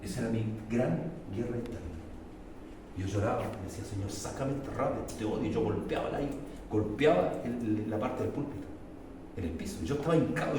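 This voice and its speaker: Brief: middle-aged Chilean pastor, fervent sermon, booming then hushed, recorded from afar in a very echoey church hall. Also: male voice. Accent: Chilean Spanish. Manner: impassioned preaching that swings between loud emphatic peaks and low confiding testimony. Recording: echoey church hall, mic far off, faint noise.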